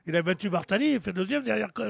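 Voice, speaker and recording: A man's voice: high voice, animated, racing, vocal fry, no room sound. An older man, a regular panelist on a radio show, rambling through nostalgic asides.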